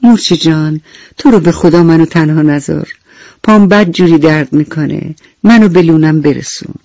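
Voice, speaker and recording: A woman's voice: sits low, mellow, dry recording, highs cut off. A woman voicing a selfish little male beetle in a children's radio bedtime story, speaking in a raised, pleading tone.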